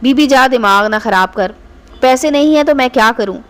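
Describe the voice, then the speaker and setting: A harsh, greedy shopkeeper from a storybook tale, read by a woman narrator. He talks gruffly and with scorn, though the voice stays fairly high. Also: normal speed, close to an everyday voice. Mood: angry. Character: harsh greedy male shopkeeper, middle-aged.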